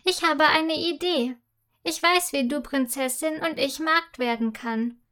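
A woman's voice: high voice, measured pace, a bit bright. A woman voicing a young girl princess in a storybook, eager and dreamy.

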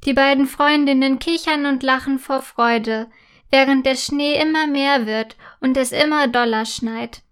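A woman narrating a children's story in a gentle, clearly articulated way. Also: high-pitched, steady tone, measured pace.

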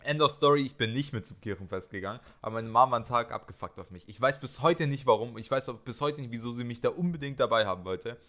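Young male podcast co-host, bright voice, lively anecdote teller. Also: mid-range voice, fast, few pauses. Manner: animated storyteller, acts out quotes in raised voice. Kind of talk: casual chat.

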